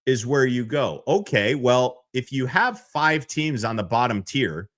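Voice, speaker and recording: A man's voice: mid-range voice, unhurried. A man co-hosting a podcast, casual sports talk, arguing his point with business comparisons. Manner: lively, animated, argues with business analogies. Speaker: podcast co-host.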